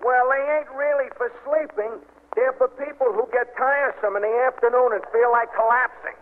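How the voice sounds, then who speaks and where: A man's voice: very high voice, steady tone, normal speed. An actor playing a dim, earnest, folksy male Marine private in an old-time radio comedy. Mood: naive. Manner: folksy, naive. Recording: tinny, hissy old radio recording.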